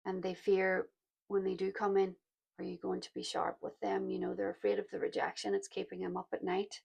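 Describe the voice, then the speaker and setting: A woman with a croaky voice giving a pick-a-card tarot reading, speaking softly and reflectively and calling her listeners "my loves". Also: mid-range voice, flat delivery, fairly quick. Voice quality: gravelly. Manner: soft-spoken, reflective, addresses listeners as "my loves". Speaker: tarot reader.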